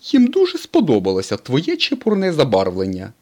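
A man voicing a boastful, folksy male tow truck who tells tall tales in a storybook reading, raising his voice higher and louder than his narration. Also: huge pitch swings, normal speed. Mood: teasing.

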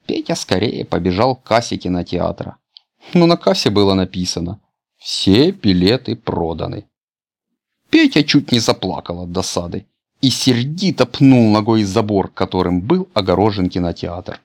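Guy reading a kids' fairy tale, super animated, voice jumps all over. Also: fairly low pitch, moderate pace. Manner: expressive, animated. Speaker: narrator. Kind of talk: storybook reading for children.

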